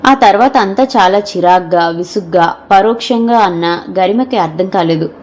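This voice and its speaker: A woman narrating an audio novel with a steady, measured reading. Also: mid-range voice, low-quality recording.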